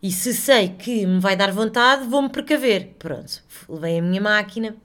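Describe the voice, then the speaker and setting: A woman hosts a casual solo podcast in a European Portuguese accent, chatty and rambling, cursing freely and teasing herself. She speaks at medium pitch and normal speed with lively intonation and a fairly bright tone.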